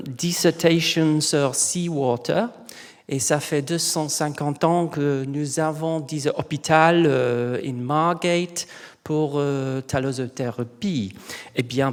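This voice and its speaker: Speaking French with the accent of his native English, a middle-aged man from England gives a casual conference presentation, hesitating often to find the right words. His voice is a little high and his tone steady. The room has a long, hall-like reverb.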